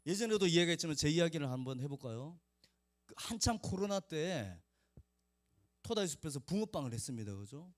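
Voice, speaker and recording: A man's voice: on the high side, big pitch swings, a little fast. A male pastor preaching a storytelling sermon in a conversational way, speaking directly to the children in his congregation by name.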